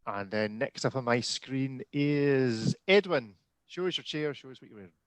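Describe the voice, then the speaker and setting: Male host, live video call, brisk and jokey, dry close sound. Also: mid-range voice, dry recording. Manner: jokey, brisk, introduces guests one by one. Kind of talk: casual live video chat.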